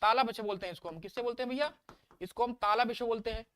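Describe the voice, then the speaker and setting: Smooth-voiced male teacher drilling students. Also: very high-pitched, fast, bright, forceful tone. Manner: explains by repeating sounds aloud, coaxing questions to students. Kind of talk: live online exam-prep class.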